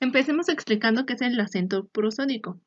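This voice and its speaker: A woman teacher explaining a lesson in a clear, measured way, sometimes restarting a phrase. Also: a little high, animated, no room sound. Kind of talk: recorded online lesson. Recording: dry, slightly muffled recording.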